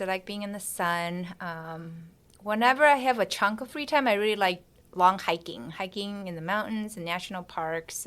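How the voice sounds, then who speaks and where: Woman, from Taiwan, doctor, podcast guest, relaxed, modest, soft trailing fillers. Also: medium pitch. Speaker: physician guest. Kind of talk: casual interview chat.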